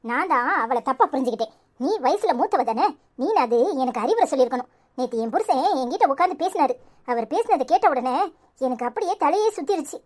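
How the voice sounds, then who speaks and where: A woman's voice: high-pitched, lively intonation, fast talker, darkish tone. A woman voicing an earnest, pleading young married daughter in a cartoon, with a Tirunelveli Tamil accent.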